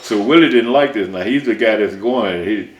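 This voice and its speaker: A man's voice: fairly low pitch, moderate pace, echoey room, a little hiss or hum. An older man from Mississippi, a songwriter, recalling his life in a rambling way with many restarts.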